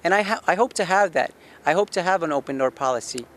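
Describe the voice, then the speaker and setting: A man's voice: on the high side, lively intonation, fast talker, fairly bright tone. A man in his forties from Guatemala, a city council candidate giving an earnest campaign statement on an outdoor rooftop deck, posing questions and answering them himself with frequent restarts. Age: 40s.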